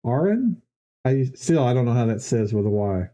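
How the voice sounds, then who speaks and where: A man's voice: mid-range voice, big pitch swings, normal speed, mellow. A man running a tabletop game as game master, describing scenes in a loose, conversational way.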